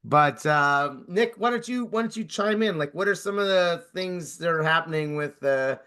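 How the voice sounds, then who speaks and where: A man's voice: a little high, normal speed, sharp tone, clear, resonant tone. A man leading a casual group coaching call, upbeat and encouraging, who swears casually and invites others to speak.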